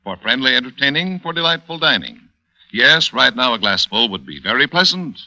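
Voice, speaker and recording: A man's voice: mid-range voice, expressive, a little fast, creaky, sharp tone, no room sound, poor audio. A man reading a sponsor message as a polished, emphatic 1940s radio announcer. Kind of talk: 1940s radio advertisement read.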